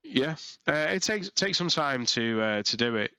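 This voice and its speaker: Bright, crisp man as game master. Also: mid-range voice, animated, no room sound. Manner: halting narration with many fillers and restarts. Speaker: dungeon master. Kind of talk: narrating a tabletop game over voice chat. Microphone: headset.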